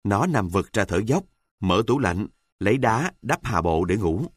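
Low-voiced man telling a wry comic story. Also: measured pace, breathy edge, no room sound, clean studio sound. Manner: wry, earthy, deadpan comic. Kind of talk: humorous first-person storytelling.

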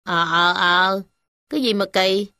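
A woman with a Southern Vietnamese accent voicing a bold, scornful poor village wife who speaks sharply and high. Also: fairly even intonation, measured pace, smooth, no room sound, clean studio sound. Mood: scolding. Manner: sharp, scolding, raised pitch.

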